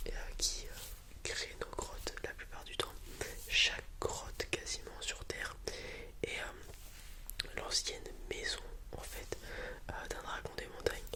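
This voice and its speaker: Someone whispers softly and breathily in an improvised ASMR roleplay, acting as a helpful dragon breeder explaining things to a customer. The delivery is hesitant, with many pauses and repetitions.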